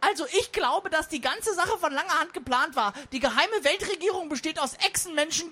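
A man doing a shrill paranoid conspiracy theorist. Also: fairly bright tone. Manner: high, breathless rambling.

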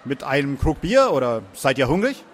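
A man voicing a portly, gruff innkeeper who sounds wary of a stranger. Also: medium pitch, big pitch swings, moderate pace. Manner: gruff, suspicious questioning.

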